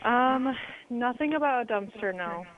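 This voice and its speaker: A woman's voice: fairly high pitch, expressive, unhurried, slight background noise. A woman working at a hotel front desk, answering a phone call patiently and reassuringly. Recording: tinny phone line.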